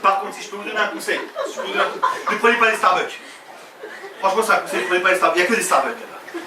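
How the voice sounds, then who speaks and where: A male stand-up comedian telling a story with animated delivery and loud put-on voices, with crowd banter. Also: sits high, racing. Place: comedy stage with live audience. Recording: echoey, distant live room with audience noise. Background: audience laughter.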